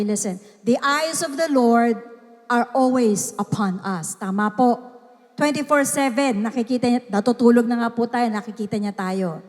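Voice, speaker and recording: A woman with a Filipino accent preaching a sermon, mixing languages and breaking into loud, pleading cries. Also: a little high, long reverb tail. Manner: code-switching, swings to shouted pleas.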